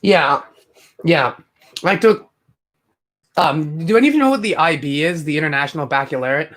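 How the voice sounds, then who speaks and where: A young man whose first language is English hosts a laid-back live stream, his voice on the high side with a fairly bright tone and a moderate pace. He talks to viewers in a loose, chatty manner, often restarting and leaning on fillers.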